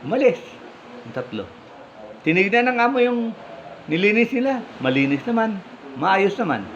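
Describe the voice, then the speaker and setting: A man's voice: high-pitched, sing-song, moderate pace, fairly bright tone. A man preaching, retelling a parable in a conversational way and posing rhetorical questions to his listeners. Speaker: preacher and blogger. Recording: slightly muffled, faint background hum.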